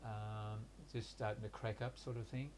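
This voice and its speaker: Recounting his life in a reflective interview, a Hungarian-born man in his sixties who was raised in Australia speaks slowly and haltingly. Hungarian is his native tongue, and his voice sits on the low side, flat and even. He hesitates often, pausing and restarting many times, with slight background noise behind him.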